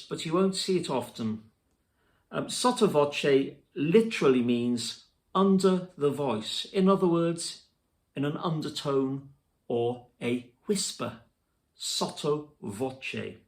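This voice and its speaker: A man teaching music theory, spelling out terms letter by letter in a slow, deliberate lesson narration. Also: fairly high pitch.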